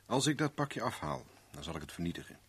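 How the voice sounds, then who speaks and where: Playing a shrewd, self-assured private investigator in a 1970s radio drama, an actor with a Netherlands Dutch accent comes across as measured, persuasive and knowing. His male voice sits low, with a breathy edge, and is very animated and exaggerated, though the mood stays quiet and serious.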